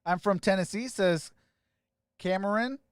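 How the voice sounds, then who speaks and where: A man hosting a sports live stream, casually greeting viewers by name and giving shout-outs as he reads their comments. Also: high-pitched, a little slow, clean tone, dry recording, clean studio sound.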